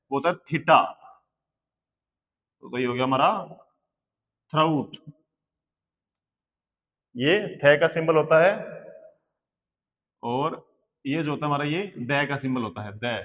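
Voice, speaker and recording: A man with an Indian accent teaches pronunciation very slowly and patiently, with a slightly raised voice. He spells each word letter by letter and then repeats it. His voice rings in a room with a long echo. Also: fairly high pitch, fairly bright tone. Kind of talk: slow board lesson. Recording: long hall reverb.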